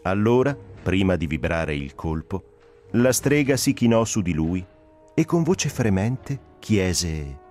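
A man reading a story aloud as narrator, with expressive, dramatic delivery. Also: low-pitched, slow, faint music behind. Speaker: narrator reader.

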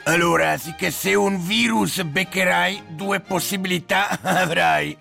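Man doing a slow, creaky, high-pitched computer-virus creature, threatening, with faint music underneath. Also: sharp tone, heavily acted. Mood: menacing. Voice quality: gravelly, drawn-out threatening delivery.

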